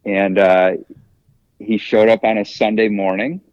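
A man's voice: on the low side, level tone, unhurried, darkish tone, no echo, lo-fi sound. A man, a track coach, telling stories in a casual interview in a laid-back way, with hesitant fillers. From United States.

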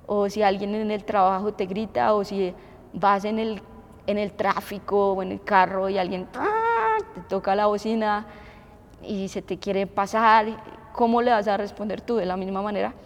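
A woman in her thirties with a Colombian accent, preaching a sermon in an animated way and asking the congregation questions. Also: mid-range voice, moderate pace, in a large hall. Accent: Colombian Spanish. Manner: animated, asks the audience questions, acts out shouting.

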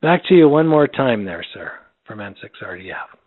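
A man acting as net control on a ham radio net, talking in a friendly, halting way with many fillers. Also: fairly low pitch, big pitch swings, dry recording. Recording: dry tinny radio audio.

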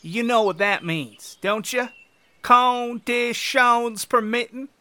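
A man's voice: sits high, lively intonation, a little slow, sharp tone, dry recording, voice pushed up, exaggerated voice. A man voicing a patronizing male state trooper with a drawling, condescending manner. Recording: music playing under the voice.

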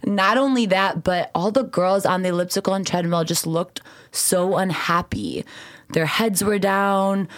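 A woman's voice: medium pitch, measured pace, no echo, studio quality. A woman in her twenties hosting a podcast, telling stories casually in an enthusiastic, earnest way. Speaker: podcast host and founder.

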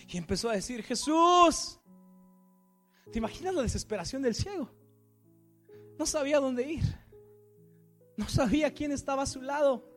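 A man with a very high voice preaching with dramatic intensity, painting the scene for his congregation. Soft music plays faintly underneath. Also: animated, a little fast, long pauses. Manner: intense, vivid storytelling that addresses the listeners. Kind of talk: dramatic sermon storytelling.

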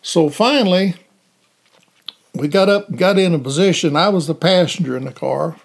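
Brief: male officer, higher-pitched gravelly voice, matter-of-fact. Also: normal speed. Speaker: police officer. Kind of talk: casual storytelling interview.

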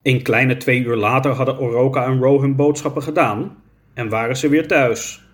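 A man narrating a children's story in a measured, clear storytelling manner. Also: medium pitch, steady tone.

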